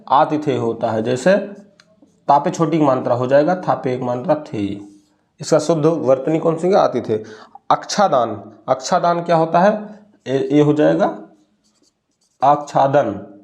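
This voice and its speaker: A young male teacher with a fairly high voice leads a spelling drill. He asks a question and then answers it himself. He stretches key words out slowly. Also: a little mellow. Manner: drags out words slowly when stressing them. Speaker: Hindi teacher. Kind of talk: classroom spelling lesson.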